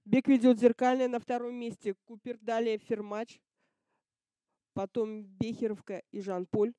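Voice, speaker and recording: A woman's voice: on the high side, level tone, unhurried, mellow, dry recording. A woman giving live harness racing commentary in short, terse announcements. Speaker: race commentator.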